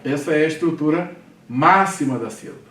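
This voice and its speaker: Um homem com sotaque brasileiro dando aula em sala, falando com paciência e repetindo termos devagar, sempre perguntando "tá?". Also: male voice, a little high, a bit bright. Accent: Brazilian Portuguese. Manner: patient, repeats terms slowly, asks "tá?" often. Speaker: teacher. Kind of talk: classroom lecture. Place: classroom. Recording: echoey classroom from a distance.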